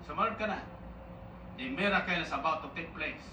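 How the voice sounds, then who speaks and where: Male preacher, animated sermon; bright tone, distant in a roomy hall. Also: on the high side, a little fast, slight background noise. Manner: animated storytelling, calls for audience response. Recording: echoey hall, distant mic, faint ambience.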